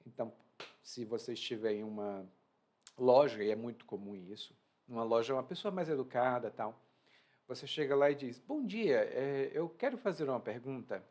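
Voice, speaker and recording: A man's voice: mid-range voice, moderate pace. A man with a Brazilian accent, a Portuguese teacher explaining a reading to learners and acting out quoted phrases, talking at home. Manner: animated, acts out quoted phrases. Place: at home indoors.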